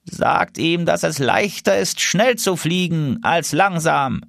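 A stern old female goose leading her flock, curt and impatient. A man puts her on, pitching well above his own voice. The delivery is close and dry. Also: expressive, takes it slowly, gravelly, a bit bright, no room sound, full character voice.

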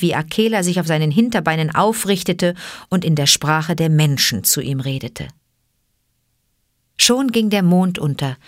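A woman reading a classic storybook aloud with even, clear narration. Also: fairly low pitch, no room sound, studio quality. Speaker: audiobook reader.

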